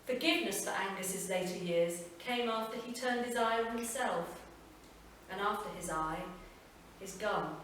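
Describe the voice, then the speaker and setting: Heard from a distance in a highly reverberant room, a reader at a festival event shares a literary story, with a faint hum of ambience underneath. Her voice is medium in pitch. She paces herself calmly and evenly, and each line comes to rest gently.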